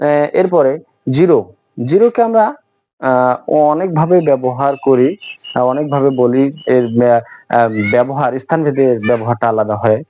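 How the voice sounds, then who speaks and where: A man's voice: mid-range voice, normal speed, long pauses, lo-fi sound. A man giving a beginner's English pronunciation lesson, talking hesitantly and repeating words with many fillers. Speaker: English teacher. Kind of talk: spoken English lesson in Bengali.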